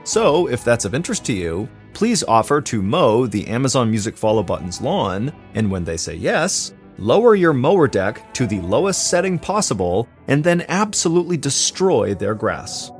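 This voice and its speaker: A man's voice: medium pitch, very animated, moderate pace, hardly any pauses, soft background music. An American man narrating a true crime story as a podcast host, in a scripted storytelling style.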